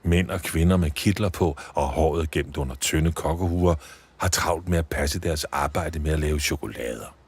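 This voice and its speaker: A man reading a Christmas story for children, with expressive storybook narration. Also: a bass voice, slightly rough.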